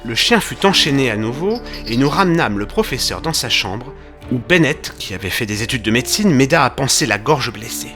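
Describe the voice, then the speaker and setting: An actor playing Doctor Watson, narrating an audio drama with vivid, tension-building delivery. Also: male voice, medium pitch, expressive, brisk, fairly bright tone, natural voice. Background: music.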